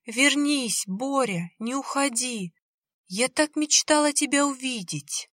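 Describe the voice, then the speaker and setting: A woman's voice: sits high, expressive, takes it slowly, fairly bright tone, no room sound, clean studio sound, pitched above the performer's own voice, exaggerated voice. A woman voicing a ghostly little girl spirit who coaxes and pleads in a rustling, childlike voice. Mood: pleading. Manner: coaxing, insistently pleading. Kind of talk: audiobook character voice.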